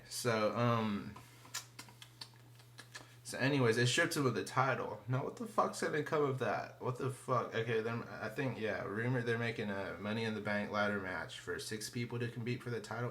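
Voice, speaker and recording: A man's voice: fairly low pitch, normal speed, a bit bright. A man rambling through a casual wrestling review, profane and slangy, full of fillers and often trailing off into mumbles. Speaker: wrestling vlogger.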